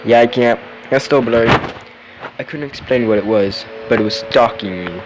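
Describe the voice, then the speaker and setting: A man's voice: medium pitch, moderate pace, background noise. A tired young man reading a spooky story aloud, yawning, with chatty asides and the odd curse. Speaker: story reader.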